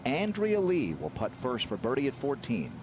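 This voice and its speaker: A man's voice: mid-range voice, wildly swooping pitch, normal speed, background noise. A man working as lead announcer, giving live golf commentary on a broadcast.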